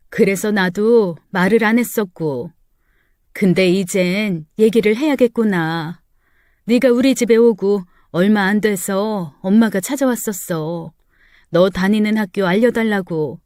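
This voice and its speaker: A woman voicing a gentle middle-aged mother who speaks softly and apologetically in a story. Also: mid-range voice, no echo, studio quality, pitched above the performer's own voice, lightly acted. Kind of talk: storytelling narration.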